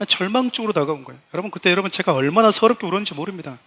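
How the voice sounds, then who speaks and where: A man's voice: high voice, animated, rapid-fire, a bit bright. A middle-aged man, a pastor, preaching a sermon and telling a personal story with strong emotion, often addressing the congregation directly.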